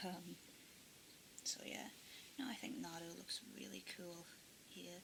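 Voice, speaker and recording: A woman's voice: fairly low pitch, creaky. A woman casually showing her sketchbook art, rambling with many ums and restarts and often dropping to a half-whisper. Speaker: art vlogger. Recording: steady background noise.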